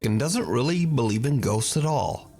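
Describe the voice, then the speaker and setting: A man's voice: mid-range voice, animated, normal speed, a little mellow. A man narrating a paranormal compilation in a scripted, ominous way. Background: music under the narration.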